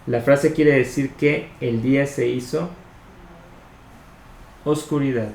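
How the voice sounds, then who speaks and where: A man reading a religious commentary aloud in a measured, explanatory way, slowly spelling out Hebrew terms. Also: mid-range voice, steady tone, gravelly, darkish tone. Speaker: Torah study reader. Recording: echoey room with faint noise.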